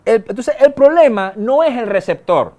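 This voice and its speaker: A middle-aged male pastor, preaching a sermon in a conversational way, with colloquial asides and sudden quick bursts. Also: extremely high pitch, expressive, a little mellow. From Venezuela.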